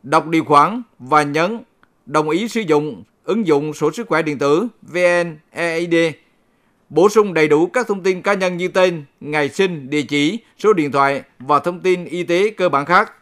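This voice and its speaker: A man with a somewhat high-pitched voice reads a local radio bulletin. His delivery is formal and measured, clearly following a prepared script for a public announcement. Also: a bit bright.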